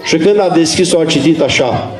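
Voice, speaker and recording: A man's voice: on the high side, reverberant. A man preaching an open-air street sermon in an earnest, urgent, exhorting way.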